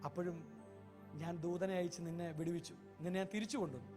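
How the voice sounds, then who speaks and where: A man voicing a gentle, loving Lord who speaks tenderly to a soul arriving in heaven, in a slightly lower, quieter voice than his own. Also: flat delivery, fast, music in the background, lightly acted.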